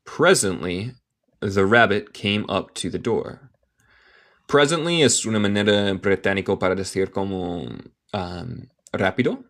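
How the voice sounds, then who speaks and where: American guy from michigan teaching english in spanish, super slow, kinda low voice, chill. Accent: American English speaker talking Spanish. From Michigan, USA. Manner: slow deliberate read-aloud; relaxed, answers viewer questions. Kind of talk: live online English lesson.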